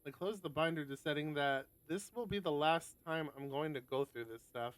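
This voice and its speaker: The host of a visual novel stream reads aloud at a moderate pace, breaking off for relaxed, sometimes profane asides. His voice runs fairly high and sounds clean, with no echo.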